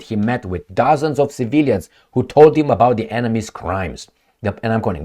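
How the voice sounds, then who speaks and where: A Romanian political commentator speaks at medium pitch with a darkish tone, reading news reports aloud in casual solo commentary. His remarks ramble and are sarcastic, full of fillers and restarts.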